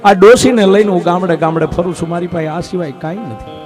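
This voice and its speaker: A male storyteller voices a poor, humble nomad man who pleads softly and tearfully, with plucked strings behind. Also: high voice, quick pace, natural voice. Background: plucked string music.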